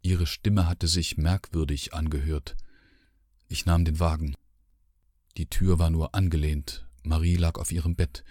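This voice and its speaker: Very deep, slow male narrator. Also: level tone, darkish tone, no echo, studio quality. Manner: measured, sombre first-person narration. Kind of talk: literary audiobook narration.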